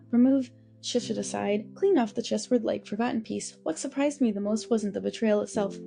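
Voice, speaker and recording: A woman in her seventies narrating a scripted first-person family story in a measured, grave way with dry asides. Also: medium pitch, creaky, a little mellow. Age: 70s.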